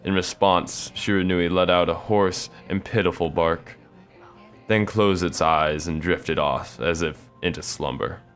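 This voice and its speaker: A man's voice: sits low, fairly even intonation, measured pace, fairly bright tone. A young man reading a video game's story aloud, with casual joking asides. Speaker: let's play narrator. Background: faint game music.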